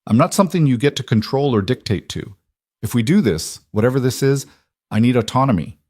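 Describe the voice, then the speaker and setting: A man voicing a young woman who calmly sets her terms in a storybook. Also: mid-range voice, brisk, no echo, studio quality, pitched above the performer's own voice, natural voice. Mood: earnest. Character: young woman standing up for herself.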